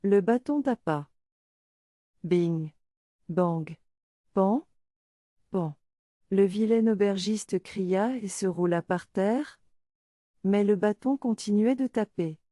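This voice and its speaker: Woman, storybook narration, clear, deliberate, very slow, mellow tone. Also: medium pitch, dry recording, clean studio sound.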